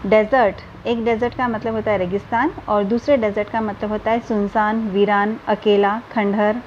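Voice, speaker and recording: A woman teacher giving a grammar lesson, reading English definitions slowly and then explaining them in Hindi. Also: medium pitch, steady tone, lo-fi sound, slight background noise.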